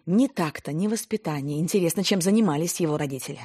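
A woman's voice: sits low, fast, darkish tone, breathy edge. A woman reading an audiobook voices an ill, exasperated woman who talks sarcastically. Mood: irritated. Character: sick, irritable woman professional.

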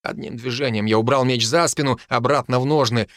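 A man giving a steady, scripted first-person narration of an audiobook. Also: mid-range voice, brisk, dry recording, clean studio sound.

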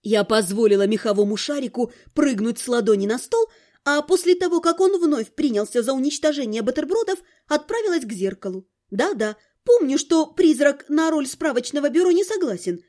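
A woman reading a first-person audiobook with expressive, lively storytelling. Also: high voice, brisk. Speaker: audiobook narrator.

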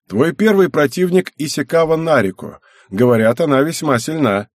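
A man's voice: a little high, moderate pace, no echo, clean studio sound, pitched above the performer's own voice. A man voicing a sly, talkative teenage boy who schemes.

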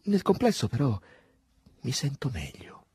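A man's voice: medium pitch, wildly swooping pitch, unhurried, a little mellow, breathy edge, no echo, studio quality, pitched above the performer's own voice, heavily acted. A man reading the part of a weary, ailing fortress officer in an audiobook, speaking faintly and with strain. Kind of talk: audiobook dialogue.

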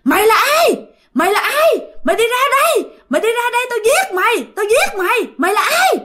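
A woman's voice: extremely high pitch, sing-song, fairly quick, pushed and bright, pitched above the performer's own voice, heavily acted. A woman voicing a mother possessed by a spirit, screaming threats at the door. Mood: frenzied.

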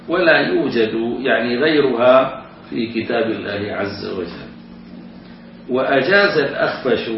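A man works through a grammar lesson, explaining each rule step by step and slowing down to chant his examples. He sits well back from the microphone in a very echoey room. The recording is dull and lo-fi, with a faint hiss underneath. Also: mid-range voice, recorded from a distance. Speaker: Arabic grammar teacher.

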